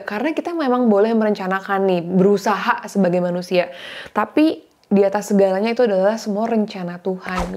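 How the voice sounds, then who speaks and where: A woman in her thirties, with a mid-range and slightly mellow voice, speaks to her viewers as a vlogger about faith and marriage. Her talk is earnest, confiding and heartfelt, casual in style and sprinkled with English words.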